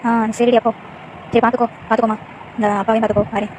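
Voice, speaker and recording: A fond older mother, voiced by a woman narrator who fusses over her daughter with affectionate chatter. Her voice sits a little higher than the narration, and she talks fast. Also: level tone, darkish tone, a little hiss or hum, close to an everyday voice, rough recording. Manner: affectionate, fussing.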